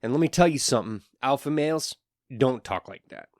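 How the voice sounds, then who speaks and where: A man's voice: medium pitch, animated, a little fast, no room sound, studio quality. A man hosting his own podcast, giving an earnest solo monologue with wry asides. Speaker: podcast host.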